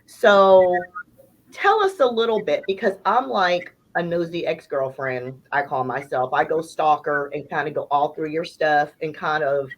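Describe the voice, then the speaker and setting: A woman podcast host runs a casual interview chat in a playful, slangy way, stretching words out for emphasis. Her voice sits low, and the audio is poor.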